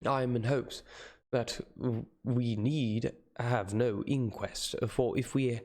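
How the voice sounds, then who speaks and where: A man's voice: mid-range voice, steady tone, slow, a little mellow. A man narrating a classic novel as a hammy dramatic reading, sometimes stumbling and going back over phrases. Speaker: reader. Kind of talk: dramatic audiobook-style narration.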